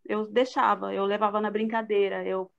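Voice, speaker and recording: A woman's voice: medium pitch, flat delivery, normal speed, vocal fry, lo-fi sound. A middle-aged woman with a Brazilian Portuguese accent, giving an earnest, reflective personal testimony in a live talk. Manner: earnest, reflective, with frequent fillers. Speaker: guest speaker.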